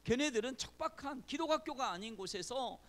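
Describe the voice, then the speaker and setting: A middle-aged man, a pastor, preaching a sermon to young people in an animated storytelling manner, acting out bits of dialogue. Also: very high voice, a little fast. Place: indoor concert hall.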